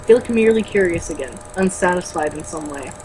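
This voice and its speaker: A woman with a lowish, expressive voice reads a novel aloud at a fairly quick clip against a noisy background. She's an amateur who stumbles over words now and then and stops for blunt, sweary, mocking asides in a casual tone.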